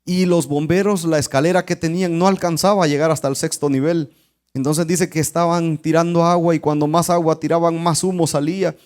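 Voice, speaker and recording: A male pastor delivers a sermon as an earnest storyteller. His voice sits a bit high for a man. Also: steady tone, brisk, darkish tone.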